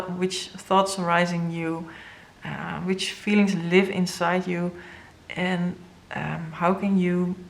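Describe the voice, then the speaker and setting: Gentle gravelly woman reading tarot. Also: fairly low pitch. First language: Dutch. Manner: gentle, earnest, halting with many fillers. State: emotional, near tears. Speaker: tarot reader. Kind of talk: spiritual tarot reading to viewers.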